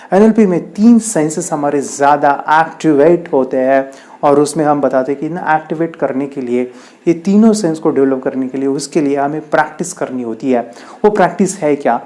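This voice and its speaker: A man's voice: fairly high pitch, mellow. A man giving a motivational talk to students and parents, telling a parable dramatically with lots of repeated phrases. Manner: dramatic, heavily repetitive phrasing.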